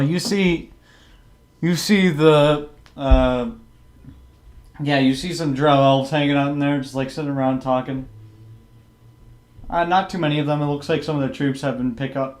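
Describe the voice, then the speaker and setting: A man's voice: medium pitch, fairly even intonation, normal speed, pauses often. A man running a tabletop game as game master. He narrates in an offhand, hesitant way, full of fillers, in an ordinary mid-range voice.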